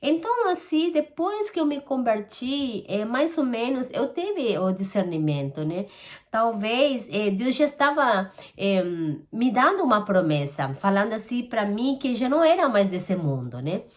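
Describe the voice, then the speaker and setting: A woman giving a personal spiritual testimony, earnest and halting, with many restarts. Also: a little high, very animated. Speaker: testimony giver.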